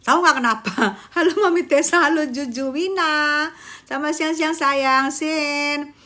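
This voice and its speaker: Bright chatty woman live-streaming. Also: high-pitched. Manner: chatty, laughing, quick swings between loud and hushed. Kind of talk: casual live-stream chat.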